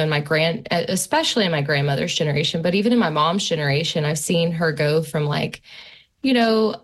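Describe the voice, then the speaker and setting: Woman in her thirties, lowish voice, casual chatty storyteller with lots of fillers. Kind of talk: casual conversation.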